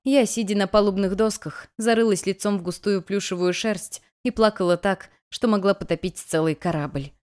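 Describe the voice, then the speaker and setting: A woman narrating a first-person fantasy audiobook in a lively, expressive reading style. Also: mid-range voice, normal speed, hardly any pauses.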